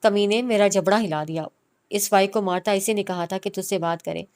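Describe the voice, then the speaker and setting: A woman's voice: mid-range voice, fairly even intonation, a little mellow, clear, resonant tone, no room sound, close to an everyday voice. A woman voicing a cheeky young university student who grumbles at his friends, in an audiobook reading. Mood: grumbling.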